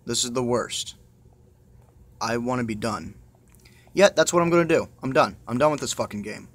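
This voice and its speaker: A gamer plays a horror game, his medium-pitched voice at a normal pace as he mutters casual let's-play commentary. He sounds exasperated and swears a lot. It's a noisy amateur screen recording made on a phone.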